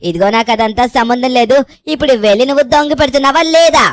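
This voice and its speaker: A woman voicing the cheeky little cartoon boy Shinchan, chattering in a high squeaky voice in a fan dub over game play. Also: rapid-fire, close to an everyday voice. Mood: scolding.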